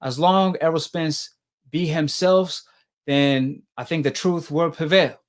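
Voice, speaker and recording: A man hosting a call-in show in casual sports talk, polite and measured. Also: on the high side, steady tone. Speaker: host of a boxing call-in show.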